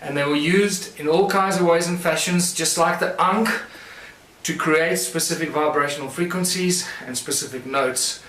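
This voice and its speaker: A man's voice: fairly high pitch, moderate pace, fairly bright tone, reverberant, rough recording. A man giving a lecture with a hands-on demonstration, explaining in a loose, rambling way with fillers and restarts.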